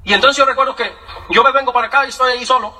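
A man from Michoacán, Mexico gives a personal testimonial, telling his life story quickly in a very high, bright voice. Full of animation, he laughs a lot and imitates other people's voices. The microphone is some distance away, making him sound slightly far off.

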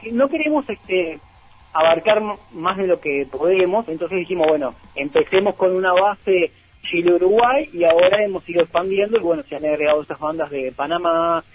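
On a dull lo-fi radio recording, a male music label guest discusses various bands during an interview. He speaks at a moderate pace in a high-pitched voice, with many fillers and restarts.

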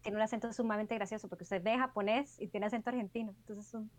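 A woman's voice: mid-range voice, fairly even intonation, fast talker. A woman telling a story in an easygoing way during a casual chat with friends.

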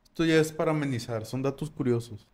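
Male co-host, mid-low voice, laid-back trivia teller. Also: fast talker, darkish tone. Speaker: podcast co-host. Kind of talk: casual chat, sharing trivia.

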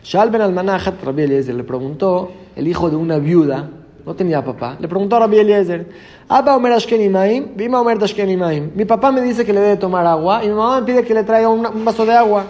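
High-voiced man teaching Talmud. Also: fast talker, muffled recording. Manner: reads a phrase then explains it, steady explanatory rhythm. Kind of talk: daf yomi lesson, reading Aramaic and translating.

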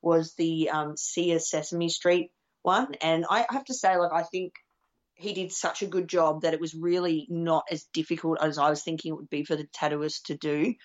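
A woman's voice: sits low, steady tone, moderate pace, lo-fi sound. A woman co-hosting a podcast in casual chat, rambling with lots of fillers and the odd swear. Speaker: podcast co-host.

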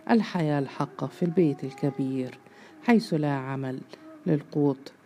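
A man voicing a weary young male laborer who is bitter and mocking, read in a storybook with mellow tone. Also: a little high, moderate pace, a little hiss or hum, close to an everyday voice. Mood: brooding. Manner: brooding, mocking.

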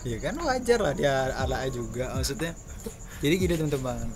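A young man, co-hosting a casual podcast and explaining things in a halting, roundabout way. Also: medium pitch, sing-song. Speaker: podcast co-host.

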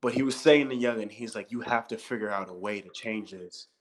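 A man's voice: on the low side, brisk, low-quality recording. Emphatic man in his thirties, American accent. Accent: American English. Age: 30s. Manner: emphatic, repetitive, swears freely. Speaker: podcast co-host. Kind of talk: impassioned casual discussion.

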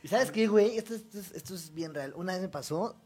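A man's voice: high voice, fast talker, a crowd in the background. A young adult man with a Mexican Spanish accent, co-hosting a radio show in casual chat, joking and slangy. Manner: joking, slangy, laughs often. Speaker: co-host.

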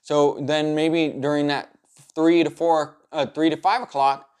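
A man's voice: a little high, flat delivery, a little slow, a little mellow, smooth. A man coaching viewers in an upbeat, encouraging vlog style, laying out tidy instructional points and repeating some for emphasis. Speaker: self-improvement coach presenting a video series. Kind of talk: structured advice vlog talking to viewer.

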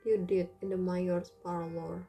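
Woman reading bitter young man, soft and defensive, audiobook, mellow voice. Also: on the low side, level tone, measured pace, faint music behind, low-quality recording. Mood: hurt. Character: hurt, proud young man, old childhood friend.

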